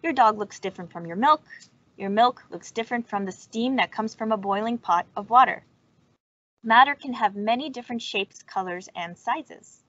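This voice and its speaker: A storytime reader with a fairly high, fairly bright voice reads a children's science book over a video call at a moderate pace, with no room sound. Her video call microphone produces dull, lo-fi audio.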